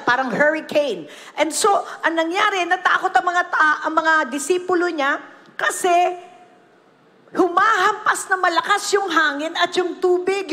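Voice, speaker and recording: A Filipino woman pastor preaching a sermon, mixing Tagalog and English and telling the story with lively questions to the congregation. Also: extremely high pitch, long reverb tail. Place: church.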